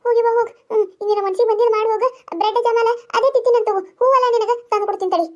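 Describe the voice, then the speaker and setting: A woman with a North Karnataka accent plays a cartoon village mother-in-law who grumbles, nags and talks to herself. She speaks very fast with an extremely high but dark-toned voice and fairly flat intonation.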